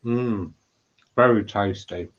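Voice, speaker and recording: A man's voice: fairly low pitch, takes it slowly. A man chatting casually in an easygoing way, on dull lo-fi audio. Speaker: chat participant. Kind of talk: casual chat.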